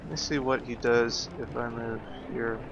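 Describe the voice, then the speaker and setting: A man giving casual let's play commentary, thinking aloud as he plays, with hesitant pauses. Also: mid-range voice, steady tone. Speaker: video game player, host. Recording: muffled, game music behind. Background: game music.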